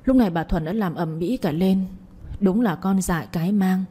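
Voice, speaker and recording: A woman narrating a family drama in a measured voice and adding her own moral comments. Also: mid-range voice, warm tone, breathy edge. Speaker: storyteller.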